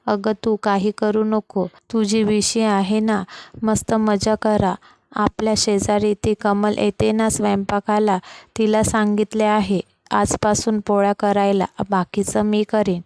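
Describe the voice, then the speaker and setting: A woman's voice: medium pitch, monotone, unhurried, a little mellow, clean tone, no room sound, natural voice. A woman voicing a caring, fussy older mother-in-law who scolds kindly, in a storybook reading. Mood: fussing kindly.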